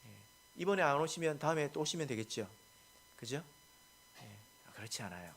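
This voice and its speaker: A male pastor preaching a sermon, stressing points and asking the congregation questions, with many soft filler words between lines. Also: fairly high pitch, expressive, a little fast.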